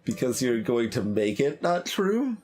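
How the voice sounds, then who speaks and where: Over game music, a man streams a blind playthrough and narrates casually, thinking aloud with hesitation, stammering and repeating himself. His medium-pitched voice has a sing-song lilt, is a little slow, and sounds slightly mellow.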